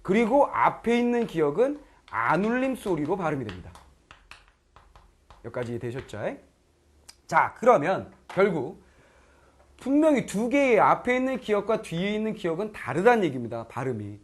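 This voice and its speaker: A man's voice: high-pitched, normal speed. A middle-aged man teaching Korean grammar in an online lecture, often asking if students follow and acting out learners' lines. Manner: lively, keeps checking students understand; acts out foreign learners' lines in quoted voices.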